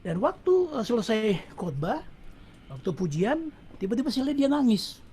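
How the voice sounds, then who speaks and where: A man's voice: extremely high pitch, big pitch swings, moderate pace, dark tone, breathy edge. A middle-aged man telling a personal testimony at a prayer meeting in a casual storytelling way, often addressing the audience as brothers and sisters.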